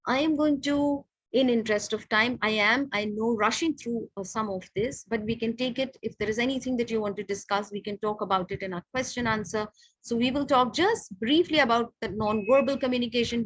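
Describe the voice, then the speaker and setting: Husky-voiced Indian woman coaching presenters. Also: a little high, no room sound, low-quality recording. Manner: brisk, direct, switches between English and Hindi. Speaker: communication trainer.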